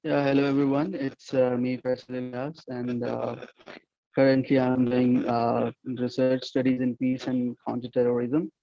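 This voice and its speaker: A man's voice: mid-range voice, monotone, normal speed, vocal fry, dry recording, muffled recording. A man introducing himself as a panelist, hesitant and full of fillers. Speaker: panelist, peace activist.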